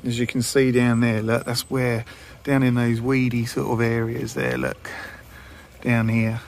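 A man, casually presenting a fishing vlog in a relaxed way with plenty of fillers. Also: medium pitch, unhurried, slight background noise. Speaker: fishing vlogger. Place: inside a parked car, then outdoors on seaside rocks.

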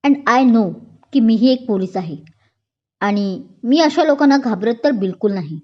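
A woman's voice: fairly high pitch, lively intonation, a little slow. A woman voicing a stern young male police inspector who scolds curtly and sounds exasperated, in a dull lo-fi recording.

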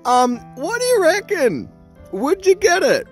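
A young man with an Australian accent and a fairly high, very animated voice chats to his phone on a trip. He is slangy, laid-back and enthusiastic, with music behind him. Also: unhurried. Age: young adult. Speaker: vlogger. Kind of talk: casual travel vlog chat. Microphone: handheld phone.

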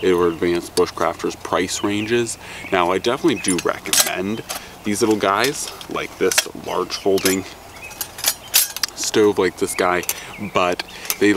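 A man's voice: deep voice, background noise. A young man chatting loosely through an outdoor how-to demonstration, seated in a woodland, recorded on a camera mic. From Alaska. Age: young adult. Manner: chatty and loose, with fillers and restarts. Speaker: outdoors vlogger.

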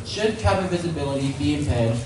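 A man delivers a plane cabin announcement as a mock flight attendant, with a formal, scripted read and a slightly raised pitch. His voice booms through a reverberant hall PA from far away, with noise clearly audible underneath. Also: lively intonation, a little fast. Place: large hall at a live event. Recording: echoey hall PA, far off, noisy.

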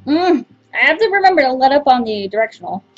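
A young adult woman hosts a casual let's play, commenting in a high-pitched, sing-song voice at a quick pace. She's playfully self-deprecating, exclaiming and muttering as she plays, and the recording sounds slightly dull.

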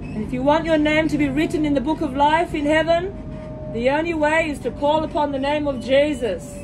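A woman preaching fervently to passengers inside a moving train, with repeated hallelujahs and direct appeals, recorded on a phone. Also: brisk. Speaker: street preacher. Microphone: phone camera held by the preacher. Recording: phone audio with loud train noise. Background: train rumble.

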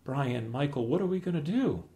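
A man's voice: a little high, sing-song, fairly quick, a little mellow, voice pushed up. A man voicing his worried older mother, asking anxious, pleading questions while reading aloud from a memoir.

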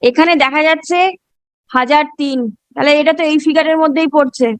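A woman's voice: high voice, steady tone, a little fast, no echo. A woman with a Bengali Indian accent questioning someone as a judge in court, probing and repeating her questions pointedly.

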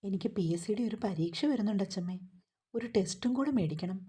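A woman's voice: mid-range voice, quick pace, warm tone, natural voice. A woman voicing an earnest young woman studying for an exam, reassuring her grandmother.

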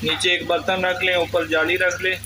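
A man's voice: high voice, level tone, moderate pace, noisy background. A man hosts a cooking channel and explains a recipe step by step. He speaks to his viewers as friends. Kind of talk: cooking tutorial. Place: home kitchen.

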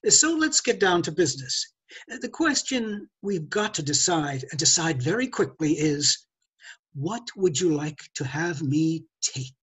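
Older man acting a husky, haughty gentleman thief. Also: fairly high pitch, exaggerated voice. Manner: condescending, lecturing, theatrical. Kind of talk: stage play read over video call. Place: indoors, curtained room. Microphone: video call.

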